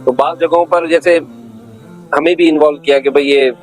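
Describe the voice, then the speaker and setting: A man's voice: a little high, steady tone, moderate pace, soft background music, rough recording. A man, a guest on a religious talk show, telling anecdotes and acting out the dialogue.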